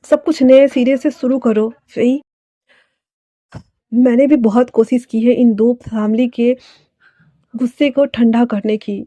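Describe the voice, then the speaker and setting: A woman voicing a young mafia man who speaks softly and earnestly, ready to sacrifice himself. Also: a little high, no echo, natural voice. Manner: soft, quiet, earnest.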